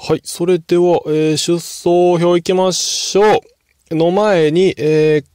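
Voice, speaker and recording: A man's voice: high-pitched, fairly even intonation, slow, a little mellow, clear, resonant tone, no echo, clean studio sound. A man with a Kansai accent, hosting casual horse-racing betting commentary in a rambling, self-deprecating way. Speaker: host.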